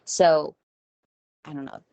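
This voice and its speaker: A woman's voice: slow pace, warm tone, no room sound. A woman in her forties from Texas, hosting a rambling, self-deprecating solo talk from her home kitchen. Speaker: podcast host. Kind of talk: casual solo monologue.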